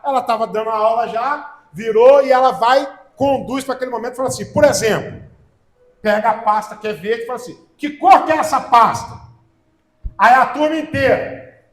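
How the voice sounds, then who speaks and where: A man with a Brazilian accent preaching a sermon, telling stories and acting out the voices in them with growing emphasis. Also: extremely high pitch. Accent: Brazilian Portuguese. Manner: storytelling, acts out quoted voices with rising emphasis. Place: church hall. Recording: echoey church hall.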